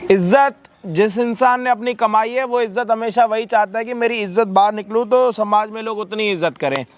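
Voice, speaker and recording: Man, high-pitched, loud and scolding, repeats himself, swears, prank video host. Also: normal speed. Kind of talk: staged confrontation, scolding.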